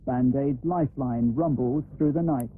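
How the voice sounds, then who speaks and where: A man giving measured, formal scripted narration for a documentary, heard on a worn old VHS tape. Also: mid-range voice. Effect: worn old VHS tape sound. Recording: tinny lo-fi old video tape, faint noise.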